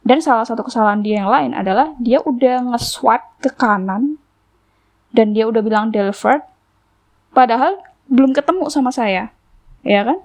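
Woman podcast host, higher pitch, casual and chatty storytelling. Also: moderate pace, long pauses. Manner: chatty, acts out quoted exchanges in a higher voice.

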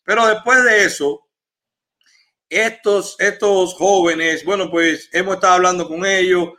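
Bright-voiced Cuban livestream host. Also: male voice, sits high, steady tone, a little slow. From Cuba. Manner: earnest, informative, frequent "eh" fillers. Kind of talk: casual livestream update.

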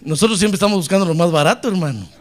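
A male pastor preaching a sermon, telling stories and rising to shouted praise. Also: sits high, animated, rapid-fire.

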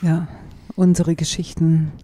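A woman co-hosting a podcast, telling stories casually and hesitantly, with pauses. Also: low voice, flat delivery, dark tone, no echo. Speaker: podcast co-host. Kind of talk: casual chat and storytelling.

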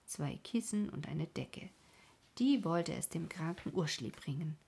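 Low, husky storybook narrator woman. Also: unhurried. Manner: calm, gentle, often half-whispered. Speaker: audiobook narrator.

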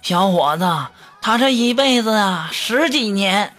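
A man voicing a chatty old woman who scolds a young man in a high, folksy tone. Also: animated, unhurried, fairly bright tone. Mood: scolding. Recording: music playing behind.

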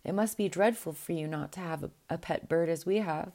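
A woman's voice: lowish voice, a little fast, dark tone, close to an everyday voice. A woman reading as spiteful, sly princess sisters. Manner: sly, condescending. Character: eight spiteful princess sisters, young women.

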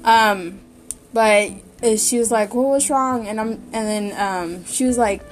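A woman's voice: mid-range voice, fairly even intonation, unhurried, soft background music. A young woman telling a work story in a casual, chatty, exasperated way, full of fillers.

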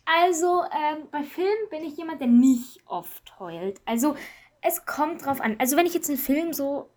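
A woman co-hosting a podcast in casual chat, talking in an animated, rambling way and laughing often. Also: high voice, normal speed. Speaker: podcast co-host.

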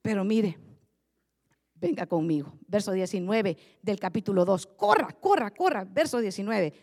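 A woman pastor preaching a lively sermon, switching from quiet asides to loud, rising exhortation. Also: medium pitch, normal speed, in a large hall. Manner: animated, swings from soft asides to loud preaching.

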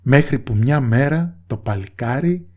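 A man's voice: mid-range voice, lively intonation, warm tone. A man narrating a folk tale with rhythmic, repeated phrases. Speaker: storyteller.

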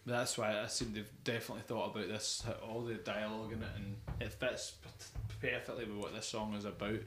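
A young podcast host rambles enthusiastically about music, dropping lots of fillers. His voice is lowish, flat and a bit bright, a little fast, recorded in an echoey room with slight background noise.

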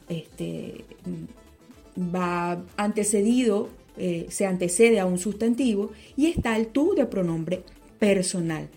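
Mellow-voiced woman teaching a grammar lesson. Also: medium pitch. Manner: explanatory, slows down on key points, self-correcting.

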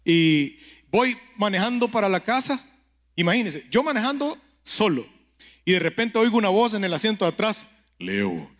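A man preaching a conversational sermon and prayer, telling stories, speaking straight to the listener and often checking in with a quick question. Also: sits high, animated, a bit bright. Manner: keeps asking the listener "¿verdad?".

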